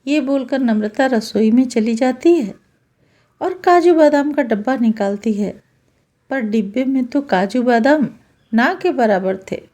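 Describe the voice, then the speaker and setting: Slowly and evenly, a woman narrates a scripted tale with a moral, her tone calm. She has a soft, high voice and serves as the storyteller.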